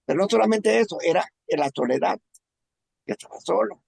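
A man from Venezuela telling a personal testimony in a halting, emotional way, often repeating words. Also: sits high, lively intonation, creaky, darkish tone, husky, dry recording. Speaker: testimony speaker.

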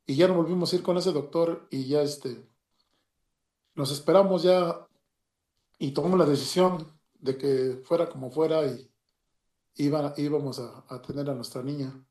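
A man with a Mexican Spanish accent tells a personal story in a halting way, with many restarts and retold dialogue. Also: on the high side, darkish tone. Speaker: storyteller giving a personal testimony. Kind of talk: emotional personal story, casual. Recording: roomy echo.

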